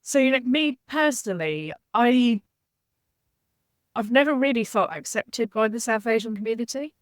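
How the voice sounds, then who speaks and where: A woman's voice: on the high side, lively intonation, moderate pace, no room sound. A woman from Zambia, a podcast guest, speaking in a reflective, candid way. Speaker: guest, social impact leader. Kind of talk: podcast interview.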